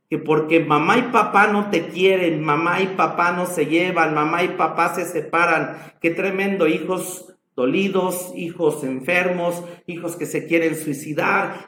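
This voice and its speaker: A man's voice: high voice, fairly bright tone, echoey room. A man with a Mexican accent preaching a sermon in a church, dramatic and passionate in his storytelling. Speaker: pastor.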